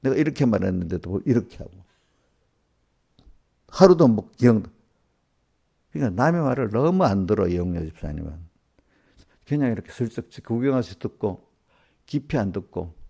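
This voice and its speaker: A man's voice: fairly low pitch, lively intonation, normal speed, gravelly, pauses often, dark tone, husky. A man, a pastor, preaching informally to congregants and scolding them with one rhetorical question after another. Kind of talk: small-group sermon addressing congregants directly.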